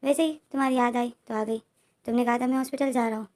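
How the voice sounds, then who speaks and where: A woman's voice: on the high side, steady tone, fast talker, a little mellow, close to an everyday voice. A woman voicing a caring young woman in a retold story, reading her lines plainly in her own voice. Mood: friendly.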